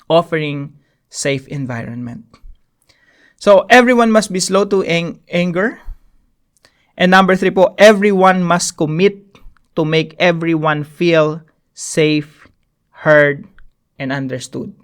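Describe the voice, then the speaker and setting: A man's voice: high-pitched, fairly even intonation, slow, pauses often, clean tone. Emphatic Filipino-accented preacher man. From Philippines. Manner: emphatic, mixes English and Filipino, repeats key phrases. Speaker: pastor. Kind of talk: devotional Bible teaching.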